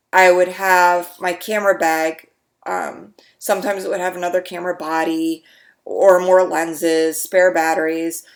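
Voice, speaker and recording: A woman explaining her own heart condition in a casual video diary, halting and slightly out of breath, with frequent restarts. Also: fairly low pitch, creaky.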